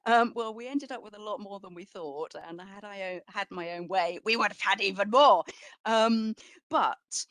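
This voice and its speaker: Speaking at a moderate pace, this woman has a medium-pitched, slightly bright voice, captured in a dry recording. As an exhibition curator at a history talk, she answers informally and thoughtfully, stressing words conversationally and often qualifying what she says.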